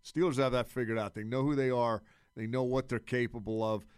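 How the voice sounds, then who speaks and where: A male sports commentator talks through a game in a casual, halting way, circling back over his words. His voice is mid-pitched and recorded very dry. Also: steady tone, clear, resonant tone, no echo. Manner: halting, repeating words as he works out points. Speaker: sports radio commentator, podcast guest.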